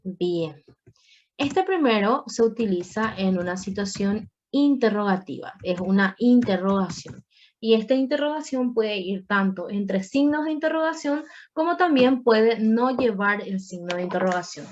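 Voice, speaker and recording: A woman's voice: medium pitch, expressive, a little slow, lo-fi sound, a little hiss or hum. A woman teaching a Spanish grammar class online, explaining patiently with playful asides to her students.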